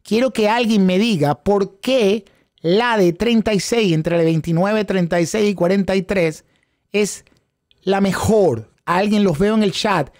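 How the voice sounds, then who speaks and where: A man's voice: sits high, unhurried, darkish tone, no echo, clean studio sound. A middle-aged man teaching a live online class in Spanish mixed with English terms, quizzing viewers and repeating phrases for emphasis. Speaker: instructor in options trading. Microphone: close studio microphone on a desk setup.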